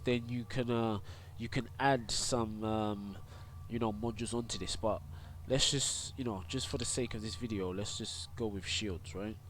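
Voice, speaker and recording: With slight background noise behind his mid-range voice, a young man with a cold casually talks through a game tutorial. This congested gaming streamer and YouTuber rambles, using many fillers and restarts.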